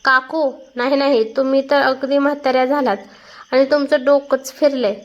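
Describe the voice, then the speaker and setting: A woman reading a story aloud and voicing a calm, firm, kind young woman. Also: high voice, normal speed, lo-fi sound, close to an everyday voice. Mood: angry. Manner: calm, then sharp.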